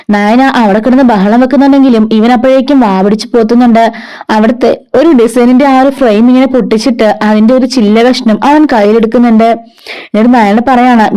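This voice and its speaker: A woman's voice: fairly high pitch, dark tone, clean tone. Chatty woman retelling a serial story. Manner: chatty, adds "ട്ടോ" tags, quotes characters in own voice.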